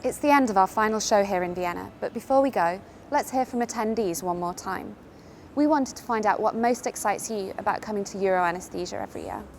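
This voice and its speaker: A woman's voice: mid-range voice, fairly quick, vocal fry. Polished woman presenter over music. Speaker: conference TV presenter. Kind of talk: scripted presenting. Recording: music bed underneath.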